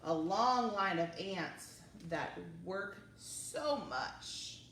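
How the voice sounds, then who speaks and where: Drawing out her words in an animated, slightly bright mid-range voice, a woman presents a children's story time. She reads aloud and chats encouragingly in a singsong way, captured on a distant mic in a roomy space with faint background noise.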